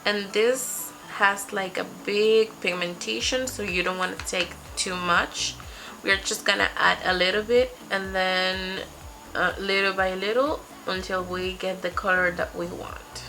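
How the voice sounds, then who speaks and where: A young woman who speaks Spanish as her first language does a chatty makeup tutorial, describing each step from her desk in a small home room with a patterned wall, seen through a webcam. Her voice is mid-range, steady and sharp, slightly slow. The recording is low quality, with faint background music.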